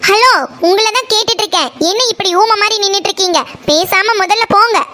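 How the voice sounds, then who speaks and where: A very high, bright, piercing voice for a hot-tempered young college girl in a village cartoon, as a woman acts her out. She speaks with a Kongu Tamil accent and snaps every line back in a scolding, dismissive tone. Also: quick pace. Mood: snapping. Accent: Kongu Tamil (Coimbatore). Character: sharp-tongued young college woman, quick to anger. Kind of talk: cartoon voice acting.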